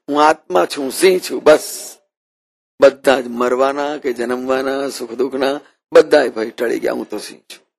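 A man preaching a devotional sermon in an earnest, reverent way, slowing down to recite verses. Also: medium pitch, gravelly. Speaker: spiritual preacher.

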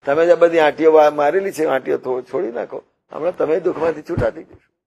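A man doing an old-style holy man in a story, gravelly, whiny then calm. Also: fairly high pitch, fairly quick. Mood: gently teaching. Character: wandering male holy man teaching by a trick.

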